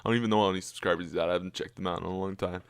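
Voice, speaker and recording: A man's voice: deep voice, steady tone, rapid-fire, smooth, dry recording, studio quality. A young man co-hosting a podcast, rambling, swearing freely and acting out his friends' voices. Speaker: podcast co-host. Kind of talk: casual chat.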